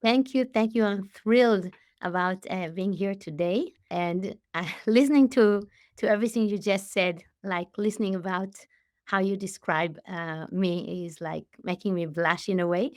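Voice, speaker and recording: A woman in her late forties, originally from Israel, answering interview questions as a company head, speaking with frequent pauses, fillers and restarts. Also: mid-range voice, no room sound, clean studio sound. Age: 40s. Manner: warm, halting, many fillers and restarts. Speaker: CEO and guest. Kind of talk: conversational interview.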